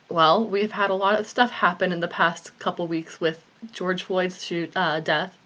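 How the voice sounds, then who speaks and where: A woman's voice: lowish voice, bright, forceful tone, dull audio. A woman in her late twenties chatting candidly on a live video with her group, rambling a little with plenty of ums. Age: 20s. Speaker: author and group host. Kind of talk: casual live video chat.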